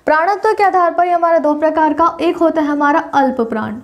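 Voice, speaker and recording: A woman's voice: high-pitched, brisk. A young woman giving a Hindi grammar lesson, reciting the consonants one by one and explaining each point step by step, correcting her own slips as she goes. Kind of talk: classroom lecture.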